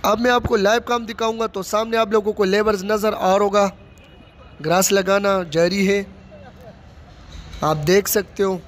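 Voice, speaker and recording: A man from Pakistan with a high voice and fairly even intonation shows viewers around a large stadium still under construction, filming outdoors on his handheld phone. He speaks at a moderate pace with long pauses, repeating phrases in plain running commentary, over a slight hiss or hum.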